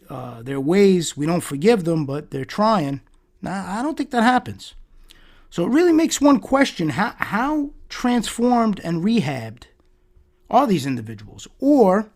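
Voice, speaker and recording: A man hosting a solo podcast, talking through rhetorical questions in a sarcastic tone and often repeating words and restarting. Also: fairly high pitch. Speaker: podcast host.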